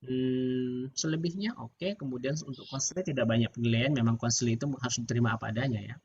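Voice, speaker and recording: Middle-aged male lecturer, Indonesian accent, relaxed chatty feedback, muffled video-call sound. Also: mid-range voice, quick pace. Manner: relaxed, chatty, laughs often. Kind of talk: online class feedback. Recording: muffled video-call audio with faint background noise.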